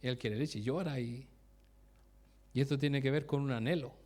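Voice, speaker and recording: In a conversational sermon, a man with a medium-pitched, a little mellow voice keeps his intonation fairly even and his pace moderate. The preacher poses direct questions to the congregation, trails off mid-sentence often, and laughs at his own stories.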